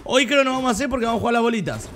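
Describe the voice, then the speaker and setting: A young Argentine man streaming a game live, chatting in slang, repeating himself and breaking into sudden loud outbursts. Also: extremely high pitch, rapid-fire, soft background music. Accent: Argentine Spanish. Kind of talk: live gameplay streaming chat.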